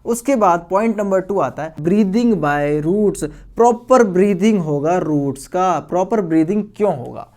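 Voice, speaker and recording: A man's voice: high-pitched, expressive, unhurried, hardly any pauses, darkish tone. A male science teacher giving a video lecture to school students. He mixes English technical terms into his sentences, repeats key words, calls the students guys, and asks questions that he answers himself.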